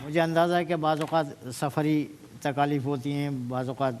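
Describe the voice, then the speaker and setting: A man's voice: fairly high pitch, fairly even intonation, darkish tone, slight background noise. A man, a senior judge, reflectively explaining word meanings to students and slipping into English phrases. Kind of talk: giving feedback to students. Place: TV studio.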